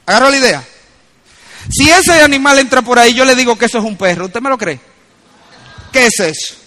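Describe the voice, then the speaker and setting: Man, pastor, preaching with punchy climbs and hushed asides, high-pitched delivery. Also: a little fast. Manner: animated preaching, shifting between loud emphatic peaks and low asides. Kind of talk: sermon.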